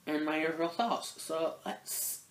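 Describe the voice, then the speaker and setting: A man's voice: on the high side, fairly even intonation, unhurried. A man giving a casual spoken product review, rambling and hesitant, often restarting his phrases. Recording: roomy echo.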